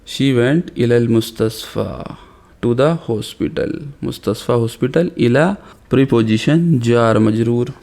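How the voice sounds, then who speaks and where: A man teaching an Arabic grammar lesson, reading examples slowly and explaining them quickly. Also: mid-range voice, a little mellow. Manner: slow deliberate reading of examples, rapid explanations between. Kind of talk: recorded language lesson.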